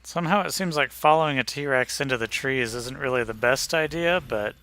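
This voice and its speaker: A man's voice: mid-range voice, fairly quick, pushed and bright. A young man making dry, wry remarks while playing a co-op game with friends over voice chat. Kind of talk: casual co-op gaming chat.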